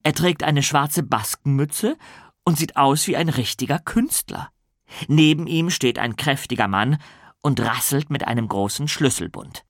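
A man narrating a children's audiobook in an expressive storytelling manner. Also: medium pitch, no room sound, clean studio sound.

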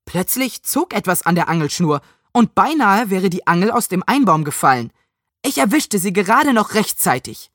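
A woman reading a children's story aloud in animated, lively narration. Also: medium pitch, moderate pace, no room sound, studio quality.

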